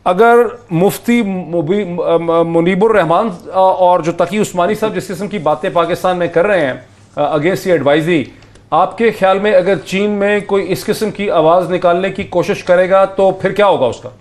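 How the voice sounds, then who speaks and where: A man hosting a TV talk show, cutting in and pressing his guests for answers. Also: sits high. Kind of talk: moderating a heated debate.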